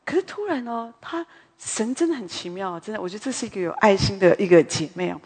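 A woman giving a conversational sermon at a women's prayer meeting, a chatty, animated storyteller who drifts into asides. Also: medium pitch, quick pace, breathy edge. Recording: long hall reverb.

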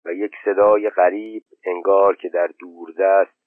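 Low-voiced man narrating an audiobook. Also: no room sound. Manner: measured, steady storytelling. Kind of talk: scripted storybook narration. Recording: tinny phone-like narrow band.

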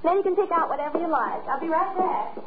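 A chatty, dithery shop clerk in a vintage radio comedy. The voice is extremely high and swoops in singsong, heard through a tinny, phone-like recording. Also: female voice, lively intonation, quick pace, noisy background. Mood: chatty, puzzled. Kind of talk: old radio comedy acting.

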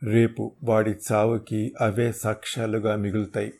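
Male audiobook narrator, steady and measured, mellow and warm tone. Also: lowish voice, creaky. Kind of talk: first-person novel reading.

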